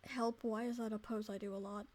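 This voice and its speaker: A woman's voice: fairly high pitch, little pitch movement, a little fast, a little mellow. A woman reading a visual novel aloud, stumbling over words and breaking off to joke and swear. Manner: reads aloud with many restarts, breaks off to comment and swear. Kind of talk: casual let's-play narration and chat.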